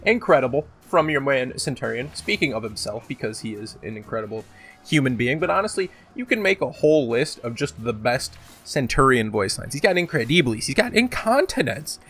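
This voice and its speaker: A gaming video host's mid-range voice comes out sing-song and a little fast with a breathy edge, his throat sore. He rambles casually through an unscripted countdown, using some slang and swear words, while loud music plays in the background.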